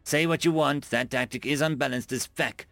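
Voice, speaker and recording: A man's voice: medium pitch, normal speed, fairly bright tone, no room sound, soft background music, close to an everyday voice. A man voicing a cocky young woman gamer who teases her friend in a taunting, playful way.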